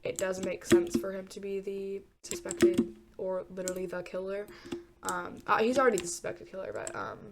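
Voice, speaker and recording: A congested young woman, a gamer talking true crime, tells a true story casually while she plays, hesitant and rambling with lots of fillers and restarts. Her voice is medium-pitched at normal speed, with a crowd in the background and loud keyboard typing behind her.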